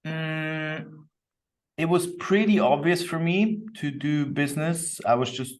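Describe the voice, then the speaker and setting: His voice on the high side and his pace slow, an Austrian company co-founder reflects calmly as a podcast guest, explaining himself interview-style. A distant mic captures him.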